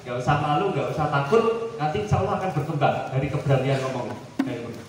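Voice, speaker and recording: A man from Central Java with a Javanese-tinged accent, giving a lively, joking seminar talk at a boarding school, slipping into playful mock dialogues. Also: a little high, fast, a little hiss or hum. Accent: Javanese-tinged Indonesian. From Central Java, Indonesia. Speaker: guest speaker at a seminar. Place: large hall at a boarding school. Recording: echoey hall recorded from far off.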